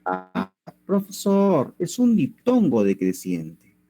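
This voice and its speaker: A man's voice: wildly swooping pitch, slow, dark tone, soft background music. A man voicing an eager student who answers his teacher by calling him professor. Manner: higher voice, addresses "profesor".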